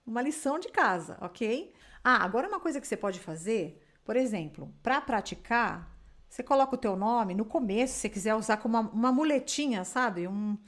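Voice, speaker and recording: Brazilian woman, English teacher, casual explanatory tone, slightly high-pitched, keeps asking "ok?". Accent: Brazilian Portuguese. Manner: explanatory, constantly checks in with "tá?" and "ok?". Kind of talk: casual online language lesson.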